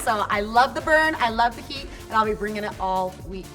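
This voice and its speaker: Woman from utah, fitness competitor, fairly high voice, excited and upbeat, loud music. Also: fairly quick. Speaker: returning fitness instructor competitor.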